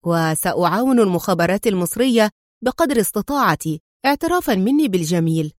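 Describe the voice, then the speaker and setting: A woman's voice: medium pitch, expressive, fast talker, no echo, natural voice. An eager, groveling male turncoat fawns over every word, as a woman reading a storybook puts him on. The sound is dry and close. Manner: eager and fawning.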